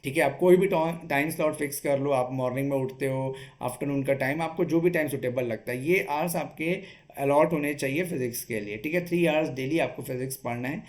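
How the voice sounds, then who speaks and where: A fairly quick, mid-range male voice with a darkish tone: an exam coach from Chhattisgarh, India, giving an instructional study-strategy talk. He explains each step in turn and keeps checking in with brief tag questions.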